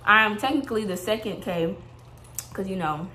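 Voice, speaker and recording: A young woman from San Antonio, a college sophomore, chatting in a relaxed way and chiming in with her co-host. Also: medium pitch, moderate pace, slight background noise. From San Antonio, Texas. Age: young adult. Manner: relaxed, agreeable, chimes in briefly. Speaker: vlogger. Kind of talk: casual chat.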